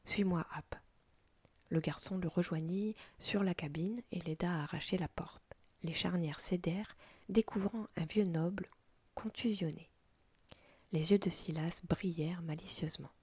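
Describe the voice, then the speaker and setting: Breathy whispering woman telling a story. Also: lowish voice, no room sound. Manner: soft, slow storytelling in a whisper. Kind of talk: whispered role-play.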